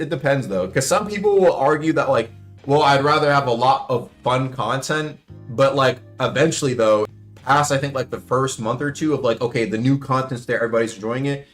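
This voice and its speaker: A young man streaming, casually rambling and swearing as he talks through game ideas, with faint music behind him. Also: on the low side. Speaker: gaming streamer.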